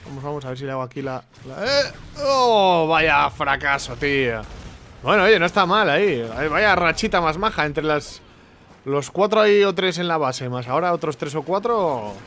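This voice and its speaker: Man, young adult, gameplay commentary, excitable, repeats words, slightly high pitch. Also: brisk, a little hiss or hum. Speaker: gaming YouTuber.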